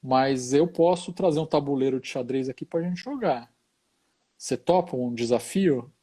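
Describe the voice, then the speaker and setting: A man's voice: mid-range voice, normal speed, dark tone, breathy edge. A middle-aged Brazilian man, a hospital chaplain, telling a story in an easygoing, casual conversation and tagging many phrases with short questions.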